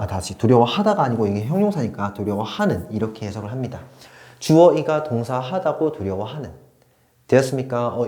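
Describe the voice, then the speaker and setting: Male grammar teacher at a whiteboard, animated and chatty, checking in with students; roomy sound. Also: mid-range voice. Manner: lively, switches between polite and casual speech, asks learners if they follow. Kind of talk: online grammar lecture.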